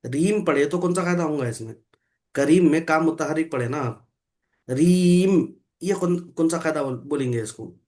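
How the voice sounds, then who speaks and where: A man's voice: fairly high pitch, normal speed, a little mellow. Male Quran teacher, online class, patient and methodical, asks and repeats questions. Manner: patient, explains rules step by step and quizzes the student. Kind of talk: online Quran recitation lesson.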